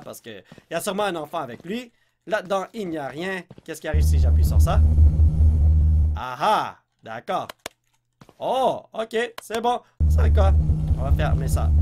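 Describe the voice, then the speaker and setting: Québécois man, let's play commentator, high-pitched and excitable. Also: slight background noise. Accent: Québécois French. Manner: excitable, blurts English exclamations, yelps when startled. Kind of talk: gameplay commentary.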